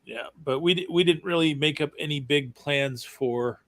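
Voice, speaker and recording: A middle-aged man co-hosting a casual stream, talking haltingly with many ums and dry jokes. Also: a little high, a bit bright, no echo. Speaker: co-host. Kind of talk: casual chat.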